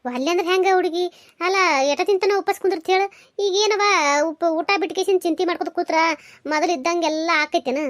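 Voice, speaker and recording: Woman voicing a nagging village mother in a cartoon, high-pitched, quick, dry close sound. Coaxing and scolding, repeats herself. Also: dry recording. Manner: coaxing, nagging, talks over and over. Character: fussing village mother, older, caring and scolding. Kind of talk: cartoon voice acting.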